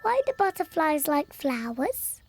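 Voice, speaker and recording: A woman's voice: high voice, big pitch swings, unhurried, darkish tone, soft background music, exaggerated voice. A woman voicing a cheerful, giggly little girl piglet in a cartoon. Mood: playful. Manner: giggly, bouncy and playful. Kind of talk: cartoon voice acting.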